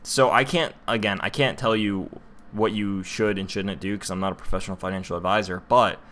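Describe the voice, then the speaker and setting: A young man with a slightly low voice talks through price charts on a casual livestream. He rambles in a chatty way, with plenty of fillers and restarts, and stops to answer viewers in chat. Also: steady tone, a little fast, a bit bright. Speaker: crypto livestream host.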